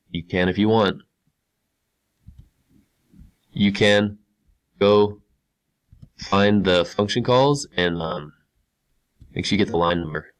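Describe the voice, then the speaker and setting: A male teacher with a fairly low voice walks through a screen-recorded tutorial. He talks casually as he clicks through each step and repeats key words to drive them home. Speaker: computer science teacher.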